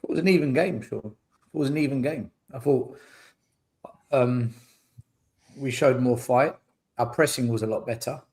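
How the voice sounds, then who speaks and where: A man's voice: mid-range voice, moderate pace, pauses often, darkish tone. A man giving blunt, emphatic football opinions on a podcast over a video call. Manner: blunt, emphatic, repeats his points. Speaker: podcast panelist. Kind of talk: casual football chat.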